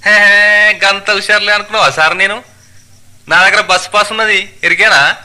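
A man's voice: sits high, fairly even intonation, normal speed, bright, forceful tone, pitched above the performer's own voice. A man voicing a cheeky, smug bus passenger with a Telangana Telugu accent.

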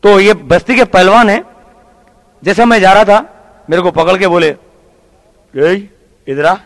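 A man's voice: high-pitched, fairly bright tone. A male stand-up comedian, telling jokes in a colloquial style. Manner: switches quickly between voices, colloquial banter. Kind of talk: stand-up joke telling with character voices.

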